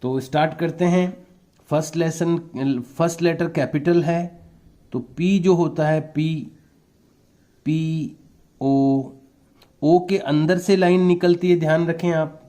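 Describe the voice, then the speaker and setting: A man teaching a spelling lesson to young children, spelling words out letter by letter in a patient, deliberate way. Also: fairly high pitch, steady tone, mellow.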